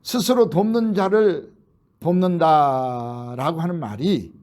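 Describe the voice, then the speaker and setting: A man preaching a sermon in a church, telling a film's story in an animated way and acting out the characters' lines. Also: fairly high pitch, slow. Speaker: pastor. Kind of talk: sermon, retelling a film.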